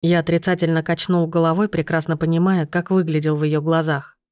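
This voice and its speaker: A woman narrating a novel in the first person, in a steady, even storytelling manner. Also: deep voice, brisk, dry recording, studio quality. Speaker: audiobook narrator.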